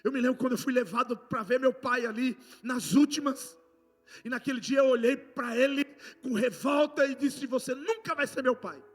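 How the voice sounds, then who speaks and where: A man with a Brazilian Portuguese accent preaching a sermon, passionate and swinging between loud outbursts and hushed lines. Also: very high voice, moderate pace, soft background music. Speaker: apostle preaching.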